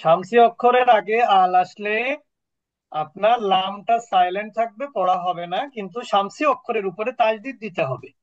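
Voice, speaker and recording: A man leads an online Arabic lesson, pausing often to quiz his students. His voice sits high, and the call audio is dull and dry, with no room sound. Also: dry recording. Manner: patient, quizzes students with questions. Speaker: Arabic teacher. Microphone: video call.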